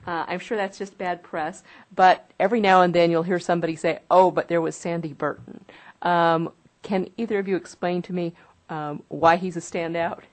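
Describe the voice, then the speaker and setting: A woman's voice: fairly low pitch, steady tone, moderate pace. A woman interviewing guests, asking her questions in a wry, teasing way. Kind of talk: oral history interview.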